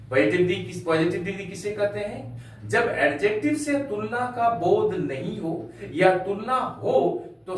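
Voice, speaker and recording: A man teaching a grammar lesson to a class, slowly spelling out words letter by letter and asking rhetorical questions. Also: on the high side. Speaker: English teacher. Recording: very echoey room, from far off.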